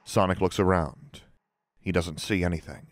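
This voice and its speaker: A man narrating the scene directions of an audio drama in a plain, measured reading. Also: sits low, fairly even intonation, no echo, studio quality. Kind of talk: scripted narration of stage directions.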